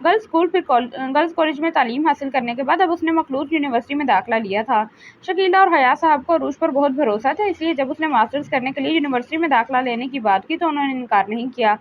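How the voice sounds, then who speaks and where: A woman reads a novel aloud in a high voice, narrating and speaking the characters' lines in her own voice. She stumbles now and then and restarts a word. The recording is a little dull and carries a faint hiss. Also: fast talker. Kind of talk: reading an audio novel aloud.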